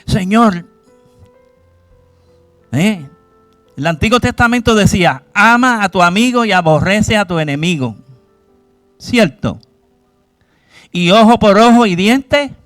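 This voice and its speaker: A man's voice: high-pitched, expressive, slow, long pauses, fairly bright tone, dry recording, soft background music. A man preaching a sermon, questioning his congregation and acting out cries to God. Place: church.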